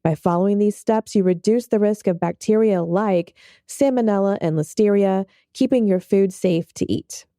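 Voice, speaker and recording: A woman explaining food safety in a casual podcast chat, clear and agreeable. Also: medium pitch, moderate pace, warm tone, no room sound, studio quality. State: married.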